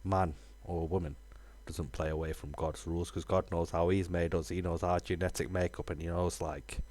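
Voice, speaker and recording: A man streaming a game, talking casually in a rambling, halting way with lots of fillers. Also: sits low, level tone, a little mellow. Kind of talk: casual live-stream chat.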